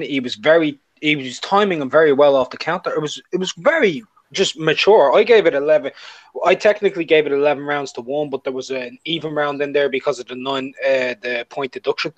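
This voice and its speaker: Relaxed man breaking down a fight. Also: on the high side. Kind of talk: casual chat.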